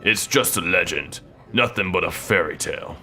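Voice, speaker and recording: A man voicing a curious young village man in a game story, spoken in a low, ominous voice. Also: expressive, normal speed, bright, forceful tone, soft background music, full character voice. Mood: wondering.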